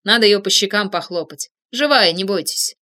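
A woman voicing a calm, deep-voiced man in an audiobook, reassuring and a little reproachful. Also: moderate pace, close to an everyday voice.

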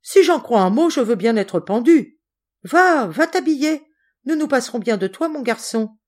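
A shrill, meddling old-maid cousin who pushes into everyone's business and talks over them, as a woman reading a storybook puts her on. Her voice jumps high and loud when she gives orders, then drops back briskly. Plainly a voice done for an audiobook. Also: expressive. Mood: bossy. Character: plump gossiping middle-aged spinster cousin.

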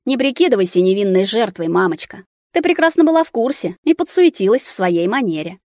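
A woman reading an audiobook, voicing a sarcastic, bitter young man in a wheelchair who shouts at his parents. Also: medium pitch, sing-song, fairly quick, dry recording, studio quality, natural voice. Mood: bitter, shouting.

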